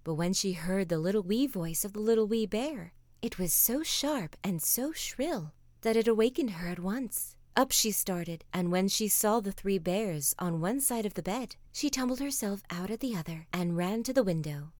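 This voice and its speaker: A woman reading a fairy tale as a soft bedtime story, often slipping into a whisper. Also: mid-range voice, expressive, normal speed, few pauses, dry recording.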